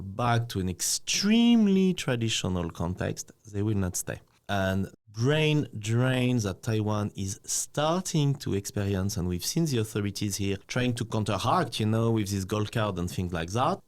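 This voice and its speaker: A man from France, speaking as a bank executive guest in a casual interview, animated and peppered with "you know". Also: mid-range voice. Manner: animated, slightly non-native phrasing, frequent "you know".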